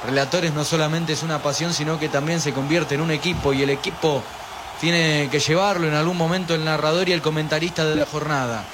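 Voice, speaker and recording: High-voiced Argentine man hyping a stream. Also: fairly quick. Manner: animated, reads viewer chat aloud, pushes for likes. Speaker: football stream narrator. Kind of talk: live pre-match stream commentary. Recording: steady background noise.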